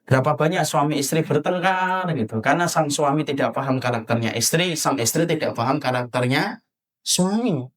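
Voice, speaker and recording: A man from Java giving an animated sermon, asking the audience questions and acting out little scenes. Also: on the high side, normal speed. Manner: animated, rhetorical questions to the audience, acts out husband and wife. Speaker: preacher.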